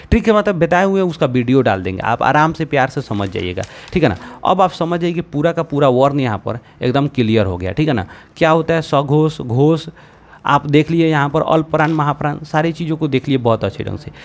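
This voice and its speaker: A young man teaching a grammar lesson, explaining patiently step by step and checking in often with his students. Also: on the high side.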